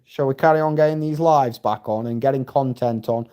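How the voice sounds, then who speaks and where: Rambling, swearing bloke on a livestream. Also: male voice, mid-range voice, fairly quick, dark tone, clear, resonant tone, muffled recording. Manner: rambling, heavy swearing, chatty storytelling. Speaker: livestream host. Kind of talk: casual live-stream chat.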